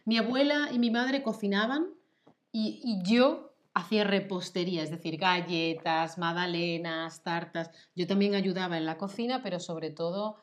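A woman's voice: fairly low pitch, steady tone, moderate pace. A woman with a Spanish accent from Spain, hosting a casual chat and patiently explaining words like a teacher. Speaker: host. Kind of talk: casual chat with a language lesson.

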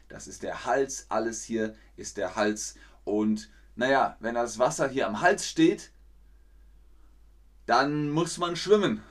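A man teaching a language lesson on a livestream, with a mid-range voice. He speaks slowly and deliberately and lays out each point with care. Now and then his pitch jumps up high in bursts of excitement. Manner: slow, clear explanations with sudden high excited jumps. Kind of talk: live-streamed language lesson.

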